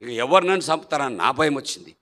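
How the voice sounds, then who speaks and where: A middle-aged man tells his conversion testimony with a bright, forceful voice. He speaks emphatically, his voice swinging from loud bursts down to low, quiet asides. His voice rings with the long echo of a hall. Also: big pitch swings, quick pace. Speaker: church member giving his testimony. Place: prayer hall. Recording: echoey hall.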